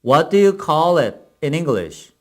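A man teaching English phrases to Korean learners, explaining in Korean and modeling each phrase slowly and clearly for repetition. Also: fairly high pitch, big pitch swings. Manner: slow, carefully enunciated English model phrases between brisk explanations. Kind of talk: language lesson with repeat-after-me drills.

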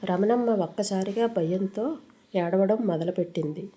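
A woman storyteller reading a suspense tale in a steady, suspenseful way. Her voice is warm and mellow, sitting at an ordinary middle pitch. It sounds like scripted narration for a story channel. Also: normal speed.

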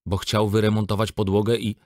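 Give me a man playing a rushed, exasperated dad with a deep voice. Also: little pitch movement, darkish tone, no room sound, clean studio sound, close to an everyday voice. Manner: exasperated, hurried. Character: harried young father waking his daughters. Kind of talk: audiobook character reading.

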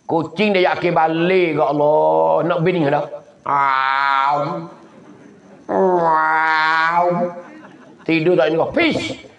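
A man's voice: a little high, flat delivery, moderate pace, gravelly, few pauses, a little mellow. A man from southern Thailand with a Patani Malay accent, giving a folksy religious lecture and mimicking animal noises as he tells stories. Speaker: Islamic preacher. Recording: echoey lo-fi recording.

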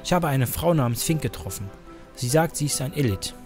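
A man's voice: medium pitch, lively intonation, brisk, a little mellow, soft background music, natural voice. A man voicing a stubborn, eager young girl heroine in a game, reading her lines in a pleading, insistent way.

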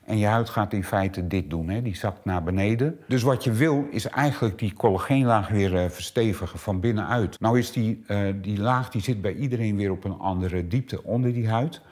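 A middle-aged man who owns a clinic gives explanatory interview answers about treatments from a small indoor treatment room, peppering them with hesitant filler sounds. His voice is lowish and a little mellow, at a moderate pace with hardly any pauses.

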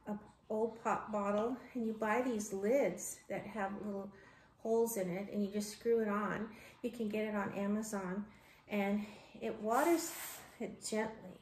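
A woman's voice: medium pitch, a little mellow. A woman in her thirties chatting casually as she works at her kitchen counter, thinking aloud with ums and restarts, recorded on a camera across the counter. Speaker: homesteading vlogger. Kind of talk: casual how-to narration. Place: home kitchen, indoors. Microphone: fixed camera across the counter. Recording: echoey kitchen with background noise.

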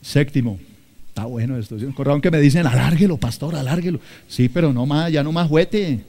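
Emphatic Colombian pastor, high voice. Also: male voice, fairly quick, darkish tone. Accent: Colombian Spanish, Bogotá. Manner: emphatic preaching, repeats phrases, addresses the congregation directly. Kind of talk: sermon.

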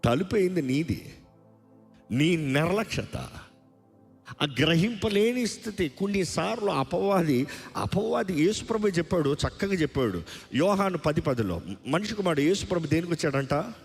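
A male pastor preaching a sermon, pressing his listeners with rapid rhetorical questions and calling on the congregation to answer aloud. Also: fairly high pitch, expressive, gravelly, in a large hall, faint music behind. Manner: calls on the congregation to respond aloud.

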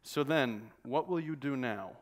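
Man reading a novel as older male smuggler, urbane, smug, courteous, smooth-spoken. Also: medium pitch, a little slow, close to an everyday voice. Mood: suave.

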